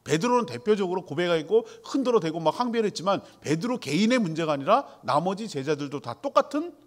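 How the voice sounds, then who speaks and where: A male pastor delivering a sermon in a lively, conversational style, tossing rhetorical questions to his listeners and answering them himself. His voice sits a little high for a man and swings widely in pitch as he makes his points. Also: fairly quick.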